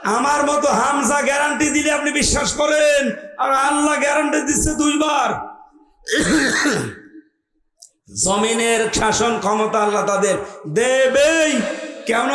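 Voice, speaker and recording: A man preaching a fervent sermon to a gathering, shouting key phrases for emphasis. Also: very high-pitched, echoey room. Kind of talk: waz sermon. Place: outdoor religious gathering with PA.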